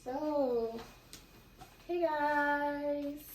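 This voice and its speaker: A young California vlogger speaks very slowly in a high, steady voice as she rambles through a relaxed Q&A at home. The recording sounds echoey, with faint background noise.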